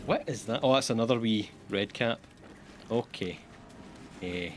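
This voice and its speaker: A man's voice: lowish voice, a little slow, noisy background. A man joking his way through a live gameplay stream with sarcastic, rambling commentary. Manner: jokey, sarcastic, talks to himself. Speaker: streamer playing a game.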